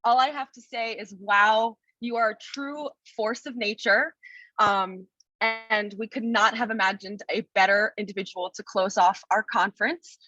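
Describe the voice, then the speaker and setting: A woman's voice: mid-range voice, fairly even intonation, unhurried, sharp tone, no room sound, lo-fi sound. A woman hosting a conference, giving effusive and tearful thanks to the speaker. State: teary. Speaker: conference host. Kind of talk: emotional closing remarks.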